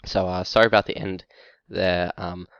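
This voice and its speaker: A low-pitched man with a gravelly, creaky voice talks haltingly to camera, breathless and coughing now and then from being sick. His delivery is flat and monotone. The sound is dry and a bit dull, like a lo-fi home recording. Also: no room sound. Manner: halting, many ums and uhs. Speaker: fantasy football YouTuber. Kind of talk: casual talk to camera.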